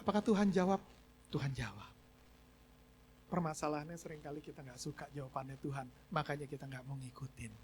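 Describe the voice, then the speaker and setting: A man's voice: a little high, fairly quick, slight background noise. A man preaching a sermon as pastor, telling a story and mixing English phrases into his talk. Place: church service.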